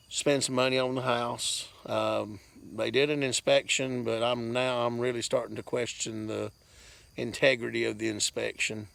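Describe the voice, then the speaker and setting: Standing outdoors on a farm with a handheld camera, a farm vlogger gives viewers a casual, rambling update. His voice is medium-pitched with vocal fry, and he talks in a folksy, plainspoken way.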